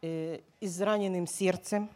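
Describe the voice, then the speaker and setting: A woman's voice: fairly low pitch, fairly even intonation, unhurried, warm tone. Hesitant woman from Ukraine giving testimony. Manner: hesitant, many filler sounds. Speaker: church member giving a testimony. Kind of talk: halting personal testimony, paused for interpreting.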